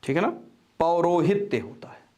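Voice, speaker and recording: A man teaching spelling for exams, repeating each word slowly and stressing key syllables, with frequent reminders to pay attention. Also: a little high. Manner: animated, coaching tone with frequent reminders. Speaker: Hindi grammar teacher. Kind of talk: exam-prep spelling lesson.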